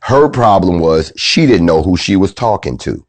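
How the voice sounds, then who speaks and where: Deep-voiced man preaching in a lively monologue. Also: moderate pace, no room sound. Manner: animated, preachy, swears freely. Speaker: host. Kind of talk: profane storytelling monologue.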